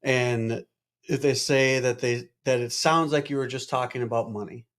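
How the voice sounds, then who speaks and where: A man's voice: mid-range voice, fairly even intonation, fairly bright tone. A man hosting a podcast as a chiropractor, talking casually, swearing freely and repeating words as he goes. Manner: fast, loose talker who swears casually and repeats words. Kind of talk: casual conversational interview.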